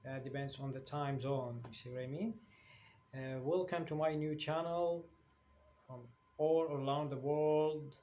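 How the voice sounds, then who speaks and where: A man's voice: a little high, fairly even intonation, unhurried, warm tone, lo-fi sound. A man from Syria, an English teacher, introducing his new channel in English as a second language, with frequent fillers and restarts. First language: Arabic. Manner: hesitant, many fillers and restarts. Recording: faint background noise.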